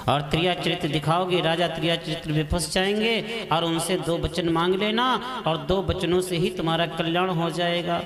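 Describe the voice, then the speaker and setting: A man reciting scripture as a devotional storyteller, moving between melodic singing and lively, folksy narration. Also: on the high side, normal speed, hardly any pauses, crowd noise. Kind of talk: sung and spoken scripture recital. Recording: roomy hall with live folk music.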